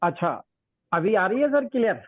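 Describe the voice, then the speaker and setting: A man's voice: high voice, very animated, moderate pace, husky, dry recording. A male professor calling into a show on a phone line that keeps cutting in and out, asking his question hesitantly and saying hello again and again. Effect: phone line breaking up, cutting in and out. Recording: tinny, dry phone line.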